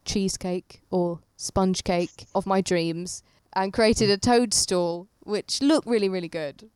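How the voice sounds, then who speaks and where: Smooth-voiced woman chatting. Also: medium pitch, fairly even intonation, slow pace, dry recording. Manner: chatty, playful, trails off with soft asides. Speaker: podcast co-host. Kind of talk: casual chat reviewing a baking show.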